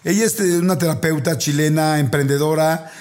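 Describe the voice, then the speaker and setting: A man hosting a casual podcast, his voice a touch higher than most men's. He greets his listeners in a cheerful, sing-song manner and introduces guests with easy enthusiasm. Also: fairly quick, a little mellow. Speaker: podcast host. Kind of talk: casual chat.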